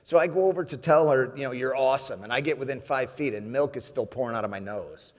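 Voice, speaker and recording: A man's voice: mid-range voice, quick pace. A man giving a humorous motivational speech, telling a story with frequent laughter and addressing the audience as friends. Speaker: keynote speaker. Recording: long hall reverb.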